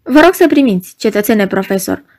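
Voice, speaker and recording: A woman's voice: mid-range voice, animated, a little mellow, close to an everyday voice. A woman reading aloud, giving voice to a frightened, pleading male barman who implores in a trembling tone.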